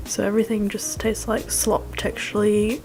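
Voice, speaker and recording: A young woman narrates a casual food vlog at a middle pitch, with clear music behind her. She rambles in a slangy, self-deprecating way with a wry edge. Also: monotone, moderate pace, darkish tone. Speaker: food vlogger.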